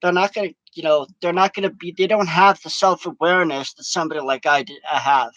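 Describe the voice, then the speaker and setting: A man's voice: on the high side, steady tone, quick pace, pushed and bright, no echo, muffled recording. A man recorded outdoors in strong wind, giving a rambling, profane vlog monologue. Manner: profane, ranting.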